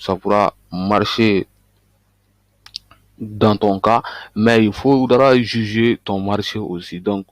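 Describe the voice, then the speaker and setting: A man's voice: on the low side, no room sound. A man coaching on online business, talking through a screen-share tutorial with frequent hesitations and restarts. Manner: hesitant, many fillers and restarts.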